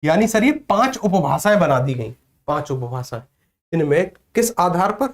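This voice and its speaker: A male teacher from northern India leads an exam coaching class in a slightly high voice. He asks the class a question, gives the answer himself, and drills the key point again and again. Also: expressive, moderate pace. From Vrindavan area, northern India. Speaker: Hindi teacher.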